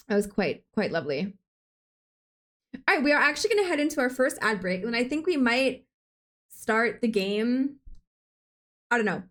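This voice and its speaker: A young woman with a slightly high voice chats playfully with her live-stream audience. She talks quickly and casually into a desk mic, reading chat messages aloud and tossing back jokes. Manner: chatty, playful, quick-talking.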